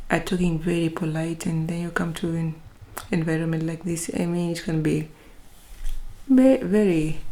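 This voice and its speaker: A young woman with a Kenyan accent chats to her viewers in a casual vlog. Her voice sits a little low, and she is lively, slipping now and then into whispered asides. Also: creaky. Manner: chatty and animated, with frequent whispered asides. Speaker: vlogger. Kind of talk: casual vlog talk to camera.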